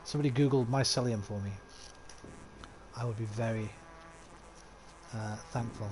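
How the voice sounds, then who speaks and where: A man's voice: medium pitch, fairly even intonation, moderate pace, a little mellow, a little hiss or hum. A man streaming a game with a sore throat, chatting casually with viewers, swearing offhandedly and reading the game's dialogue aloud. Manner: swears offhandedly, talks to chat between lines.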